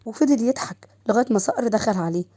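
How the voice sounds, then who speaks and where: A woman with an Egyptian accent narrating a scripted story in a steady, even manner. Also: on the high side, racing.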